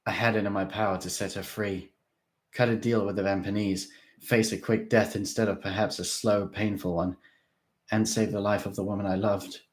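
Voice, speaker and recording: A man narrates a novel in the first person with steady, earnest delivery. His voice sits on the low side for a man. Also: moderate pace. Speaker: audiobook reader.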